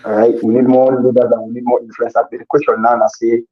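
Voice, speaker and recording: A man talks earnestly as a guest in a casual conversational interview, often circling back over his words while searching for them. His husky, middle-pitched voice is flat and quick, and the recording sounds dull and lo-fi.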